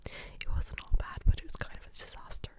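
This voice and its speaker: A young adult woman whispers a rambling, informal ASMR storytime close to the ear in a breathy, clicky, unvoiced whisper with a mildly exasperated manner. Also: fairly quick. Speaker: ASMR creator telling stories. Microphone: close ASMR stereo mic at the ear.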